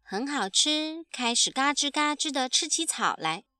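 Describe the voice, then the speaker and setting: A woman reads a picture book aloud in a high, lively voice, acting out the sound effects as she goes. Her tone is bright and her pace is slow and careful. The recording is close and dry. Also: dry recording. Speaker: storyteller. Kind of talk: expressive picture-book reading.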